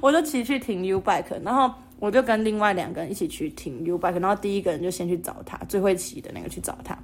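A young woman with a Taiwanese Mandarin accent, a podcast guest telling a funny story in a lively, laughing way. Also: mid-range voice, fast talker. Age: young adult. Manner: animated, laughing, acts out quoted lines. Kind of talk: casual storytelling chat.

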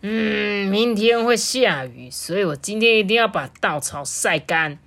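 A woman's voice: mid-range voice, expressive, unhurried, a bit bright. A woman voicing a grumpy, hard-working male farmer who scolds intruders sternly. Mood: grumpy scolding.

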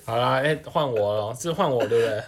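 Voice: fairly quick, creaky. A podcast co-host, telling jokes in casual chat with a playful, teasing manner. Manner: playful, teasing, throws in silly high-pitched guesses.

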